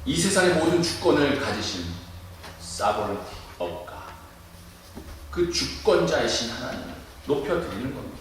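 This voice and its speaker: A male pastor preaching a sermon in a church, lively and demonstrative, acting out loud cries to make his point. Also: medium pitch, measured pace, slight background noise. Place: church sanctuary. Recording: echoey room, mic at a distance.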